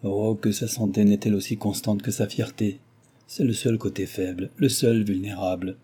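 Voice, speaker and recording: A man's voice: steady tone, normal speed, dark tone, husky. A male audiobook reader voicing a proud, distressed young woman heiress, pleading and emotional in tone. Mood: tender lament. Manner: pleading, emotional, high-strung. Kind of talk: audiobook reading.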